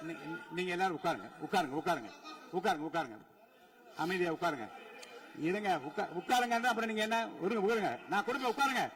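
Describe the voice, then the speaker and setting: A man's voice: high-pitched, quick pace, fairly bright tone, distant mic. A man chairing a legislative assembly session, firmly and repeatedly telling members to sit down. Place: state legislative assembly hall.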